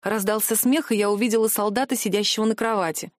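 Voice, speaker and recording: A woman reading a first-person audiobook in a steady storytelling manner. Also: medium pitch, fast, no echo, clean studio sound. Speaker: audiobook narrator.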